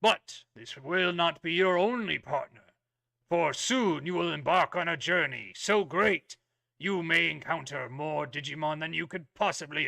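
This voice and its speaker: A man voicing a stern, royal monster knight who proclaims grandly in a booming warrior-king manner for a tabletop game. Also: vocal fry, sharp tone, dry recording, exaggerated voice.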